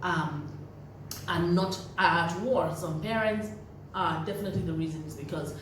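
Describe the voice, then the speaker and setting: A woman's voice: fairly low pitch, normal speed. A woman giving earnest, preachy parenting advice to camera, repeating key phrases for emphasis. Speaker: parenting vlogger. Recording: very echoey room, voice from a distance, faint noise.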